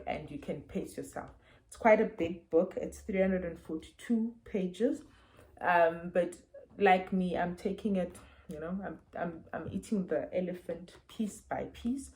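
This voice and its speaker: A South African woman talks through a book review in a casual, earnest way, stopping often to give examples. Her voice sits low, with a soft, mellow tone. The sound comes through wireless earbuds. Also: rough recording. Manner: earnest, explanatory, gives examples. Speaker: parent reviewing books.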